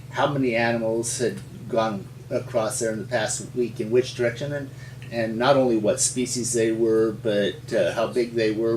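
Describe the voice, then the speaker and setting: With a low, darkish voice, a Montana paleontologist chuckles through folksy, rambling stories during an interview. He's the resident paleontologist, heard in an echoey room on a mic at a distance, with slight background noise.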